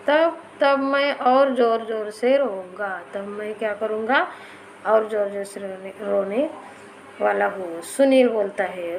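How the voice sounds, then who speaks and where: A woman's voice: on the high side, slight background noise, low-quality recording. A woman teacher explaining a school story to children, reading each line and then repeating it with a question.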